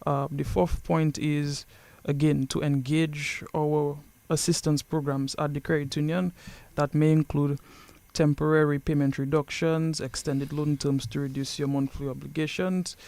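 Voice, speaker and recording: A man with a fairly high voice and a gravelly edge gives a prepared informational talk. He is formal and measured, keeps his intonation flat, and is recorded dry and close. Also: no room sound. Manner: measured, formal, point-by-point delivery. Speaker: credit union representative.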